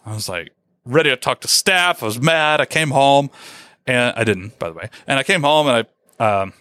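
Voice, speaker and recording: Male podcast co-host, candid and self-mocking, lively pitch, dry close sound. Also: moderate pace, no echo. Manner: candid, self-deprecating, animated storytelling. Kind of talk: casual podcast chat.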